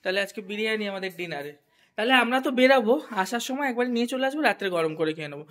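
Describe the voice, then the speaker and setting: A woman's voice: mid-range voice, lively intonation, fast, a bit bright. Chatty woman vlogger. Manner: chatty, teasing, narrating to viewers. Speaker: vlogger host. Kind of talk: casual family vlog chat. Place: home, at a family meal.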